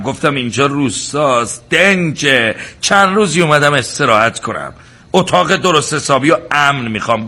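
An actor voices an exasperated inn guest with a bright, slightly husky voice. He presses his point insistently, his pitch swinging widely as in a radio drama. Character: indignant male inn guest accusing a thief.

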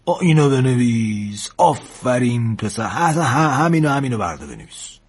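A wistful, fatherly old sailor, as a man puts him on in a read story. He talks slowly and stretches his phrases, a little higher than the reader's normal voice. The sound stays husky. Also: animated. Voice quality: slow, drawn-out phrasing. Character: fatherly older male sailor, wistful and wise. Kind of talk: storybook character voice.

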